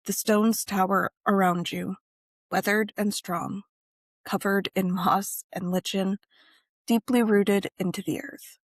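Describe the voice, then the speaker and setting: This scripted guided meditation and ritual is narrated by a woman with a mid-range voice and fairly even intonation, speaking in measured, deliberate phrases with frequent pauses. No room sound is audible.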